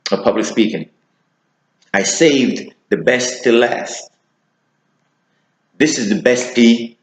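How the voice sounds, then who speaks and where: A man teaching public speaking, talking to camera and deliberately shifting his pace, slowing down for emphasis. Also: medium pitch, darkish tone, echoey room, rough recording. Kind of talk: instructional talk to camera.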